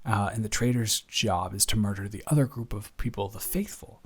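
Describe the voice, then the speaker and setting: Calm and chatty, a young man with a lowish, slightly rough voice takes the role of a flustered, devoted roommate in an intimate improvised audio roleplay. He talks in a rambling, halting way, teasing and warm.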